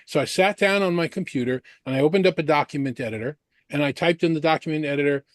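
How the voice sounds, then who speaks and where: A man's voice: on the high side, quick pace, no room sound. A man debating on an analyst panel, laying out his points one by one with frequent restarts.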